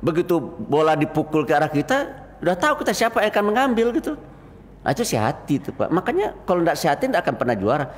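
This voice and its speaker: An older Indonesian man gives a lively after-dawn mosque sermon, telling stories and acting out the voices he quotes. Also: on the high side, quick pace. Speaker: preacher. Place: mosque hall. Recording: reverberant mosque hall, faint noise.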